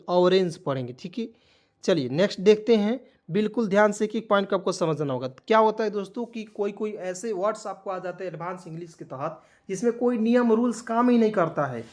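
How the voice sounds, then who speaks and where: Male teacher, patient and repetitive, quizzing viewers word by word, with motivational asides. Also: high-pitched. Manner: repetitive, coaxing, keeps asking what it reads as. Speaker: English teacher. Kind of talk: blackboard lesson explaining spelling and pronunciation.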